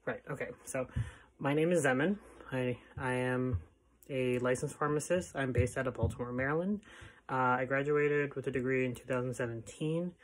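A man in his twenties or thirties with heavy, audible breathing, talking casually and haltingly to his phone in a self-deprecating way. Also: mid-range voice, low-quality recording. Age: 20s to 30s. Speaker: pharmacist starting a video channel. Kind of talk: casual vlog talk to camera. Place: plain indoor room. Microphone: phone at arm's length.

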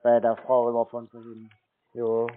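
This prank caller pretends to be a customer on the phone, his medium-pitched voice monotone and his pace measured. He keeps asking questions with a naive air, and the audio has a narrow telephone quality.

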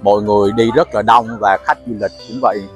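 A man's voice: lowish voice, steady tone, brisk, soft background music. Chatty man narrating a night market walk. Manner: chatty, explains to viewers with fillers. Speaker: travel vlogger. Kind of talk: casual vlog narration. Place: crowded outdoor night market.

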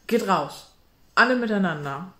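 A woman's voice: lowish voice, moderate pace, close to an everyday voice. Cold commanding stepfather, read by a woman, clipped, storybook, roomy room sound. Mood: angry. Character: cold, stern smiling stepfather, middle-aged man. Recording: roomy echo.

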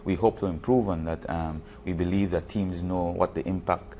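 Wearing a lapel mic on a studio set, a guest who is a basketball league official explains things at a moderate pace, often repeating words. His voice is low, warm and steady, with a little hiss or hum on the recording.

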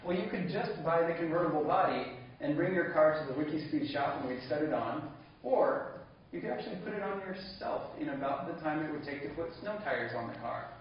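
A man delivers an enthusiastic conference keynote in a large hall, at times laughing along with the audience. His voice is a little high, expressive, and brisk. The lo-fi recording is echoey and distant, with a little hiss or hum.

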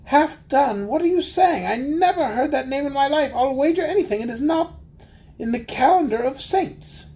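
A woman voicing a fretful, trusting little female mouse who talks high and anxiously, full of exclamations. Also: sing-song, moderate pace, dark tone, rough recording. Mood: puzzled.

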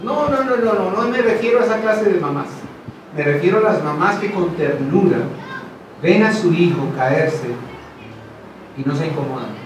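An impassioned male preacher with a high voice, moving between ringing declarations and quiet asides. He sounds far from the microphone in a church with a heavy echo. Steady noise sits behind him. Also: normal speed, long pauses. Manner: impassioned, swings from loud declarations to hushed asides. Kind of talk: sermon. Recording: echoey hall, distant mic, noisy.

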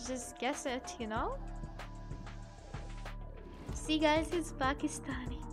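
A woman's voice: sits high, slow, over music. A woman streaming a game, chatting playfully with a teammate and her viewers. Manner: playful, laughing easily. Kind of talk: casual gaming livestream chat.

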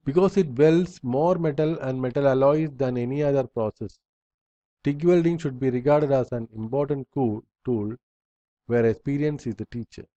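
A man's voice: medium pitch, warm tone, no echo, muffled recording. A man instructor reading slide bullet points aloud in a recorded lecture, in short fragments with small slips and restarts.

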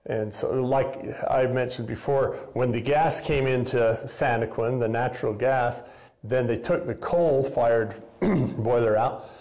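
A following camera captures an older man strolling through the basement boiler room of an old school, chatting in an easygoing, folksy manner like a former custodian reminiscing on an informal tour. He speaks in an unhurried, mid-range voice, peppering his talk with "uh" and "um" and often starting sentences over.

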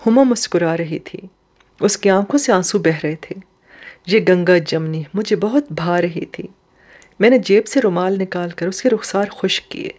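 A woman reading a novel aloud as an audiobook narrator, with steady storytelling. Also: on the low side.

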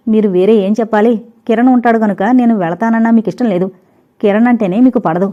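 A woman's voice: mid-range voice, quick pace, dark tone, lightly acted. A woman voicing a young wife who answers her husband with hurt indignation. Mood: indignant. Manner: wounded, indignant. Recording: dull lo-fi recording.

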